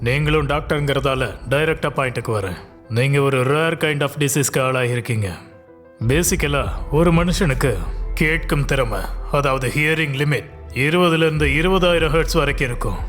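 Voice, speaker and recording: An actor playing an audiologist who explains a patient's hearing diagnosis in a plain, matter-of-fact way in a dubbed film. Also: male voice, fairly high pitch, normal speed, fairly bright tone, natural voice. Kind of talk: dubbed horror film acting. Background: film music.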